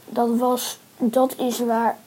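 A woman's voice: on the high side, little pitch movement, slow pace, mellow, a little hiss or hum, rough recording. A woman voicing an anxious trapped girl. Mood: reasoning. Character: scared girl hung from the ceiling.

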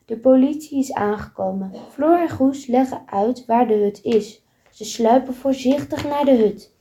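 A woman's voice: on the high side, a little slow, warm tone. A woman reading aloud a simple story with careful, plain delivery.

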